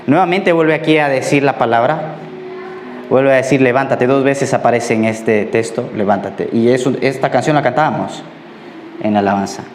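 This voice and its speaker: A man's voice: medium pitch, moderate pace, soft background music. A man preaching a conversational sermon as a pastor, often checking in with the congregation. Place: church. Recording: echoey church hall, faint ambience.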